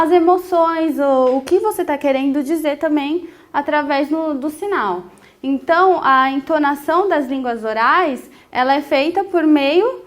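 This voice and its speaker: A woman teaching a sign language lesson, explaining each point patiently and filling pauses with short hesitations. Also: high voice. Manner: patient, explanatory, with frequent 'é' fillers.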